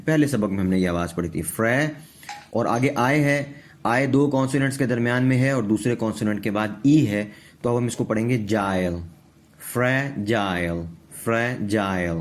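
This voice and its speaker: A man teaching a pronunciation lesson, slowly repeating example words and checking understanding as he goes. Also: lowish voice, a little mellow. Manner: slow, repeats words for drilling, checks understanding with tag questions. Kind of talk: classroom-style lesson.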